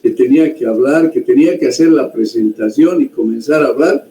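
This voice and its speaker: A man's voice: medium pitch, a little fast, mellow. A man teaching a medical class, lecturing conversationally and often checking in with his students. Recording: echoey room with faint ambient noise.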